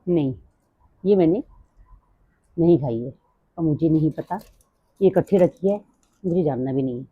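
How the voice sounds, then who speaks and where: A middle-aged woman talking fast and rambling in a casual personal vlog. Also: deep voice, husky, dry recording. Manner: rambling, drifts off topic. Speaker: vlogger. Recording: dry, tinny phone-like sound.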